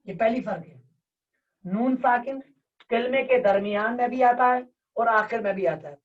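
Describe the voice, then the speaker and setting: A man teaching an online Tajweed class, dictating slowly and repeating key terms for his students, with hesitant, drawn-out fillers. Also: very high-pitched. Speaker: Quran recitation teacher. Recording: distant, dull lo-fi online class audio.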